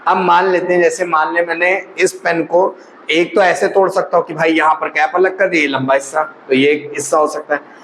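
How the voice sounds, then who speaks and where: A man's voice: fairly high pitch, fairly even intonation, a little fast, a bit bright, slight background noise, poor audio. A male maths teacher explaining a lesson to students. He asks them questions and answers them himself, and calls them brother or child.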